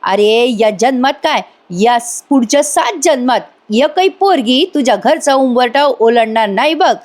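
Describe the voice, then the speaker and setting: A woman's voice: high voice, lively intonation, moderate pace, a little mellow. Brief: a woman doing a scheming, spiteful aunt from a TV serial, taunting in a slightly raised voice. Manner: taunting, scolding in village Marathi.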